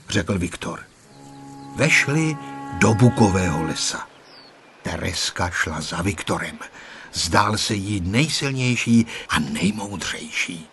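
A man reading a children's story aloud as narrator, expressive and rising and falling. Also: on the low side, slight background noise.

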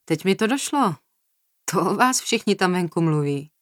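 A smirking young man, casual and teasing, as a female narrator reads him. The reading is lowish and dry. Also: a bit bright, no room sound, natural voice. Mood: mocking. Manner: amused, mocking.

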